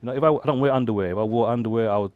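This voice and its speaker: The audio is narrow and tinny but echo-free as a man with a mid-range voice races through his remarks as a guest on a casual studio discussion. He makes his points emphatically, leans on rhetorical questions, and sometimes jokes and laughs.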